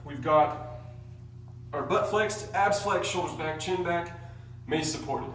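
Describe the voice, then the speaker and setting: A man's voice: fairly high pitch, takes it slowly, fairly bright tone, a little hiss or hum. A male fitness instructor teaching a workout tutorial, cueing steps in short commands and sometimes out of breath. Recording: very echoey room, mic far off.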